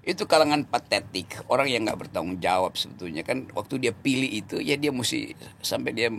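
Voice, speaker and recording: A man's voice: mid-range voice, gravelly, fairly bright tone, slight background noise. A man speaking as a political commentator in an interview, sarcastic and mocking, laughing mid-sentence and correcting himself as he hunts for words. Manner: repeats words while searching, self-correcting. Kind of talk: interview talk.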